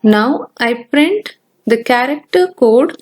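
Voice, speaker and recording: Higher-voiced woman teaching code. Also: slow. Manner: steady explaining, talks through each step. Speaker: programming teacher. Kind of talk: screen-recorded coding tutorial.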